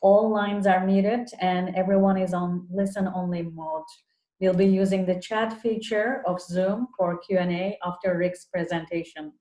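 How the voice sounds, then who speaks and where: Turkish-raised woman hosting a zoom webinar, kinda low and soft, lots of uhs, roomy echo on the call. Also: steady tone, unhurried. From Turkey. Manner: hesitant, frequent fillers. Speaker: webinar moderator. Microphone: video call.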